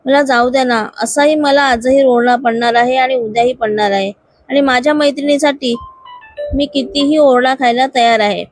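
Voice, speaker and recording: A woman's voice: high voice, steady tone, moderate pace, dry recording, faint music behind. A woman voicing a pleading, earnest young office worker.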